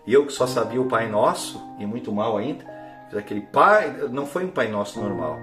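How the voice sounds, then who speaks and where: A man giving an emotional church testimony, dropping to a hush and then rising to near-shouts. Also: mid-range voice, lively intonation, fairly quick, soft background music. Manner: fervent, swings from hushed to near-shouting. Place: church hall. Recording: echoey hall with faint instrument.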